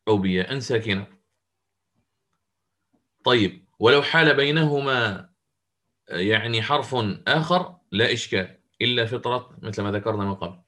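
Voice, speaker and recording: A man leads an online class on Quranic recitation. His voice sits at an ordinary middle pitch. He walks through each rule step by step and keeps stopping to question his students. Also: fairly bright tone. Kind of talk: interactive online lesson.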